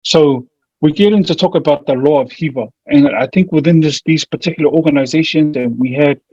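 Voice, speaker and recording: Warm and husky, a little high and a little fast, this voice belongs to a family violence mediator with a broad New Zealand accent presenting informally online. He's slightly hesitant, and the recording comes through muffled with room echo.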